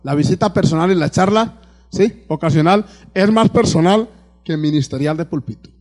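Colombian pastor preaching, somewhat high voice. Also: male voice, moderate pace, darkish tone. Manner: calls out to the congregation with frequent amens and questions; repeats words when searching for the next one. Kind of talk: preaching a sermon to a congregation. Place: church before a live congregation.

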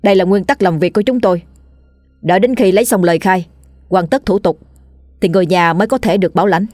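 A woman reads a composed young policeman, firm and patient, his calm explanations delivered at a quick pace. It is a close, dry storybook recording. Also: mid-range voice, dry recording, soft background music, lightly acted.

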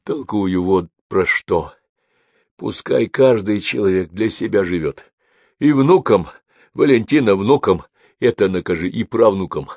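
A man doing a gruff dying old man. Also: fairly low pitch, animated, a little slow, a little mellow, dry recording. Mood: grumbling. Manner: gruff, grumbling, short of breath. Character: dying foul-mouthed old man in his eighties.

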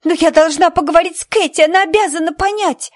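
A woman's voice: extremely high pitch, fast talker, dry recording, studio quality, pitched above the performer's own voice. A woman voicing a frail, hysterical mother who shrieks and frets. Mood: shrill. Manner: shrieking, then faint whisper.

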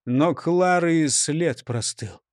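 A man narrating a children's storybook in an animated, expressive way. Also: a little high, slow pace, no echo, studio quality.

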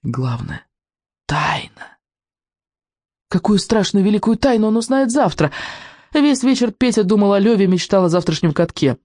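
A man narrating a children's storybook in an even, clear reading voice. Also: sits high, brisk, dry recording, studio quality. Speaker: audiobook narrator.

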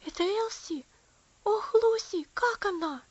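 A woman's voice: high-pitched, fairly even intonation, normal speed, no echo, voice pushed up, lightly acted. A woman voicing a frail, lame young boy who speaks anxiously in an audiobook story. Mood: frightened. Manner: anxious, breathless. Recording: dull lo-fi audio.

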